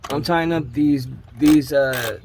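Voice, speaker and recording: Brief: slangy man in casual chat, higher-pitched, faint outdoor ambience behind. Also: slow pace, a little hiss or hum. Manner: animated, slangy, says "man" and "bro" a lot. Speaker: vlogger working on his brother's truck. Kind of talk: casual chat while working.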